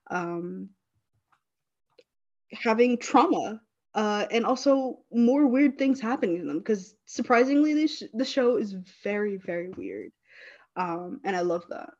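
Husky woman cohost rambling, giggles a lot, um and like everywhere, muffled lo-fi mic. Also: medium pitch, a little mellow. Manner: giggly, rambling, many fillers. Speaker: podcast co-host. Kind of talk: casual chat. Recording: dull lo-fi sound.

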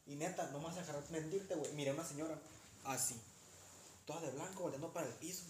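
A young man with a Mexican accent, telling stories in a slangy, animated way on a casual podcast. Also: fairly high pitch, fast. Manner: slangy, animated, acts out quoted voices. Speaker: podcast co-host. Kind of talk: casual storytelling chat. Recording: roomy, faint background noise.

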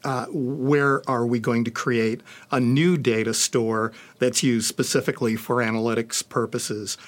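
Man, panel discussion, hesitant, lots of uh and restarts, steady mid voice. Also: mid-range voice, unhurried. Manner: hesitant, many fillers and restarts. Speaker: panelist on insurance analytics.

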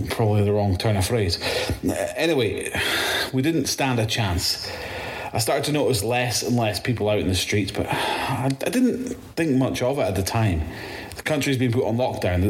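This fairly low, near-everyday voice belongs to a Scottish man portraying a rattled, exhausted zombie-apocalypse survivor in an audio drama. He swears and speaks haltingly while putting his testimony on record.

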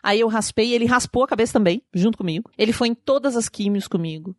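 A woman's voice: fairly high pitch, quick pace, no room sound, clean studio sound. A woman with a Brazilian Portuguese accent, telling a personal story in an interview, reflective and emotional. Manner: emotional, reflective storytelling with many tag questions.

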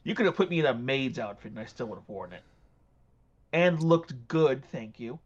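A man's voice: mid-range voice, expressive, moderate pace. A man chatting casually as a tabletop game player, on a dull, lo-fi microphone. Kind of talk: casual chat.

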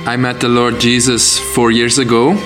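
A man from Switzerland, giving a halting personal testimony as a guest speaker in short phrases. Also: mid-range voice, completely flat delivery. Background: faint music.

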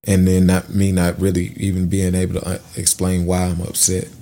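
Middle-aged male podcast host, very low voice, earnest and reflective, halting delivery. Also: monotone, dark tone. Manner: earnest, thoughtful, halting with fillers and restarts. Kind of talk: reflective personal monologue.

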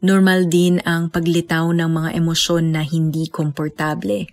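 In a deep voice with no echo, a Filipino-accented woman guides listeners through meditation as their teacher. She keeps a soft, calm manner and lets pauses stretch out unhurriedly.

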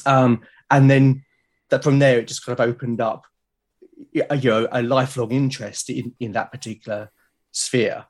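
With a medium-pitched voice, flat delivery and a moderate pace, a man in his forties from the UK talks casually on a podcast. He's an illustrator being interviewed, reflective and enthusiastic.

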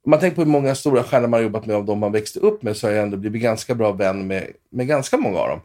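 A man's voice: on the low side, lively intonation, a little mellow. A man in his fifties from Sweden, a guitarist telling stories in an interview with many restarts and fillers. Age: 50s. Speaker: guitarist guest. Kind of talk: storytelling interview.

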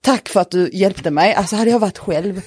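Animated chatty woman telling a story. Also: mid-range voice, husky, no echo, clean studio sound. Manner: animated, full of fillers, swears freely. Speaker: podcast guest telling a story. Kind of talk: casual storytelling chat.

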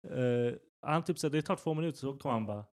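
A man in his thirties co-hosting a podcast, chatting casually with lots of swearing and acting out his son's lines. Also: medium pitch. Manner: lively, swearing, quotes his son in voices. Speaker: podcast co-host. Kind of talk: casual chat.

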